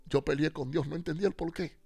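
Male pastor, radio testimony, gravelly, animated, acts out each line of dialogue. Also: fairly high pitch, fast talker, no echo, faint music behind. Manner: animated storyteller acting out dialogue. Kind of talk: personal testimony on a radio show.

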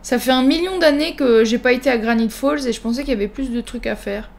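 High-voiced, animated woman gaming host. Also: fast talker, creaky. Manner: animated, exclamatory, mock-dramatic; teasing, self-mocking asides. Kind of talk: let's-play commentary.

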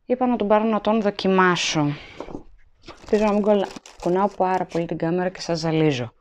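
Woman vlogger, casual haul chat, handheld phone at home, mid pitch, slight background hiss. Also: darkish tone. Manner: chatty, lists items and weights as she goes. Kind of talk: casual haul vlog narration. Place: indoors at home, at a table. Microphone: handheld phone camera, filming items up close.

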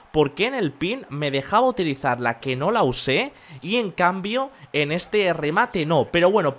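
Young spanish guy w castilian accent, kinda high voice, playful wrestling commentator style over a video game. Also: fairly bright tone. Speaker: gaming video host. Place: small room at home, on webcam.

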